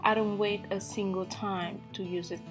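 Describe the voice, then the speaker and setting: A beauty vlogger from Africa living in Norway talks slowly and hesitantly through a casual makeup tutorial, self-deprecating and full of fillers. Her African English accent carries Norwegian influence, her voice is medium-pitched and steady, and faint guitar music plays behind her.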